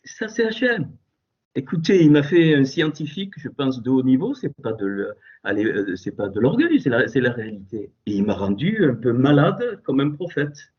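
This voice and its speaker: A man with a strong, loud voice giving an impassioned Torah teaching, animated and exclamatory, moving between soft asides and sudden raised outbursts over a Skype call. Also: mid-range voice, moderate pace, slightly rough. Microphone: computer mic on a Skype call. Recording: dull lo-fi Skype audio.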